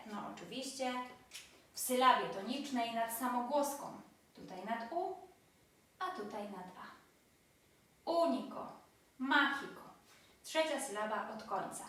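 A woman's voice: a little high, recorded from a distance. Polish woman teaching in an echoey room. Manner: counting syllables aloud, stressing example words. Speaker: Spanish teacher. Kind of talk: explanatory lesson.

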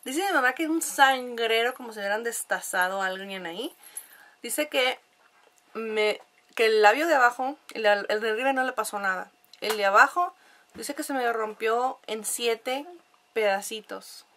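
Nasal mexican girl chatting to her camera, kinda high voice, laughs a lot. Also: normal speed, a bit bright. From La Paz, Mexico. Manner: chatty, laughs often, many fillers. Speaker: vlogger. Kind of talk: casual chat to camera.

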